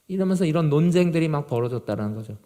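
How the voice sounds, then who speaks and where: Man preaching, lively pitch swings, warm dark tone, emphatic then hushed. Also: rapid-fire. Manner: emphatic, rising to loud urgency then dropping low and quiet. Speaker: pastor. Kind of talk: sermon.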